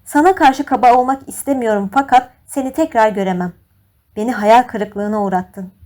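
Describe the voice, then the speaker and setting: A woman's voice: on the high side, moderate pace, a little mellow, lightly acted. A woman voicing a cold, cruel young man who speaks harshly and with contempt.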